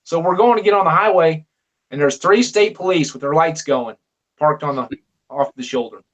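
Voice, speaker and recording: A man's voice: a little high, moderate pace, a bit bright, highs cut off. A man telling a long story in casual chat, rambling with many restarts and fillers. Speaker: guest storyteller.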